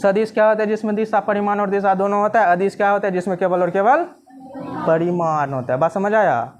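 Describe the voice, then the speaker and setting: A man's voice: high voice, a little fast, highs cut off, a little hiss or hum. A male physics teacher, giving a classroom lecture and often asking the students if they have understood. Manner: repeats questions to students, casual teasing checks.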